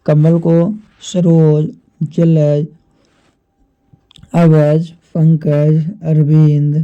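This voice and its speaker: A man teaching Hindi grammar for exams, slowly reading out lists of synonyms and asking and answering his own questions. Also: fairly high pitch, mellow, muffled recording. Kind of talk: exam-prep lesson, reading word lists.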